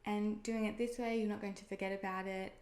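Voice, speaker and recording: Quick-ish and creaky, a young Australian woman's mid-range voice stays level and a little mellow as she explains things in a friendly, chatty vlog full of "um" and "personally". She sells online and makes videos, and the echoey room adds faint noise.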